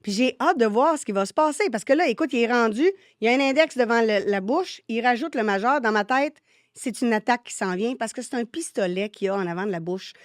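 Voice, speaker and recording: A woman with a Québécois French accent, a synergologist guest telling lively anecdotes on a podcast, acting out the dialogue. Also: fairly high pitch, fast talker, no room sound, clean studio sound. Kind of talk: casual podcast storytelling.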